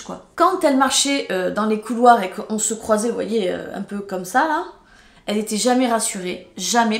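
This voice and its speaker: A woman's voice: medium pitch, creaky. A woman from France telling a storytime vlog in an emotional, indignant way, swearing when she gets angry. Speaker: YouTuber. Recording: roomy echo.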